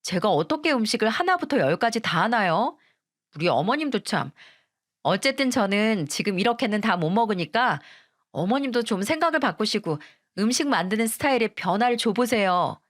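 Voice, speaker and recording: Woman doing a blunt quick-tempered daughter-in-law. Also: medium pitch, sing-song. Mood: defiant. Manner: sharp, defiant.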